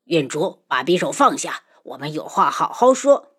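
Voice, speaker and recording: A woman's voice: low-pitched, very animated, normal speed, fairly bright tone, husky, voice pushed down, full character voice. A woman voicing a ruthless, scheming old nobleman who mocks and menaces in an audiobook. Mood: yielding. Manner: sneering, menacing. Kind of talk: audiobook character voice.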